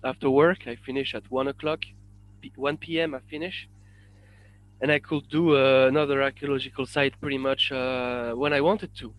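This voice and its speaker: A man from France with a French accent, a guest on a podcast interview, talking in a halting way full of fillers and restarts. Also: medium pitch, flat delivery, fairly bright tone, poor audio. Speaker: guest, independent researcher.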